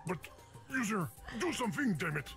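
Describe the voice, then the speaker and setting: An actor playing a stressed game narrator with a thick accent, panicky and pleading. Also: male voice, sits high, sing-song, normal speed, creaky, a bit bright, soft background music, exaggerated voice. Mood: panicked.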